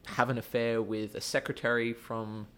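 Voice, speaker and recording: This podcast guest has a mid-range, slightly bright, smooth voice at normal speed with little pitch movement. His Australian accent is watered down. He chats loosely about acting and his school theatre program, wandering off track with many fillers and restarts.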